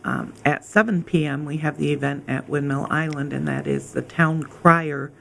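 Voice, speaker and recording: Casting: female organiser, gravelly fry, informational interview delivery, slight background noise. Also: low voice, fairly even intonation, normal speed, fairly bright tone. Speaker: festival organiser guest.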